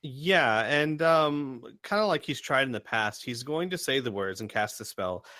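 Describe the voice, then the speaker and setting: A man's voice: mid-range voice, animated, measured pace, sharp tone, dry recording, clean studio sound. A man playing a tabletop role-playing game, chatting casually and thinking aloud as he describes his moves.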